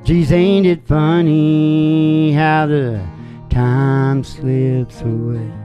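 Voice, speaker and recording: A woman with a deep voice hosts a country music radio show and sings, playful and loose, with a guitar alongside her. Her intonation is fairly even, she draws out her words, and the high frequencies are cut off.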